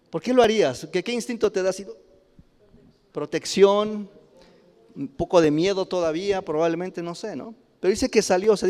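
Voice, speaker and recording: A man with a Mexican Spanish accent preaching a sermon as a pastor, chatty and animated, throwing out many rhetorical questions. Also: high voice. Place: church hall. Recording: long church hall reverb.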